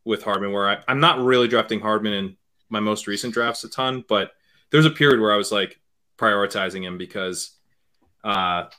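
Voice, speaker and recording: Low-voiced man analyzing in casual chat. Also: normal speed. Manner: hedging, many fillers and restarts, trails off quietly. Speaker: podcast guest, fantasy football analyst.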